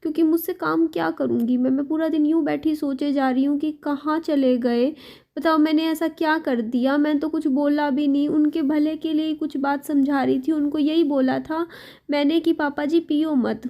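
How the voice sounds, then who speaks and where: A woman's voice: high voice, fairly even intonation, moderate pace, creaky, dark tone. A young woman, vlogging at home in her kitchen and venting her worries to viewers. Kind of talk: confessional vlog while cooking. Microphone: camera set up nearby.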